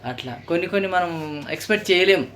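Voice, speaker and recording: A man, chatting casually with family on his vlog and gently consoling his sister. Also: high-pitched, expressive, fast talker. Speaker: vlogger.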